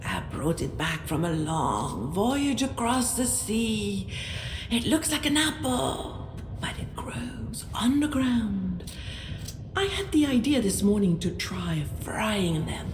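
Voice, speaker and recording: A woman voicing a frail, hunchbacked old male hermit with a hoarse but warm voice. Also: medium pitch, sing-song, takes it slowly, echoey room, slight background noise. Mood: musing.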